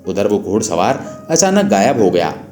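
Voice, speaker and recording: Expressive male storyteller, lively pitch. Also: normal speed. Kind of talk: scripted devotional story narration. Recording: echoey room with faint guitar music.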